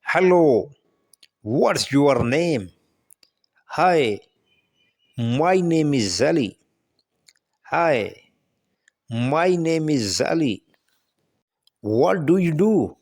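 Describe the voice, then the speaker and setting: Very slow, deliberate male English tutor. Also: on the high side, lively intonation, a little mellow. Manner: reads each line twice, slow and deliberate. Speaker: English teacher. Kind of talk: reading practice dialogues for learners.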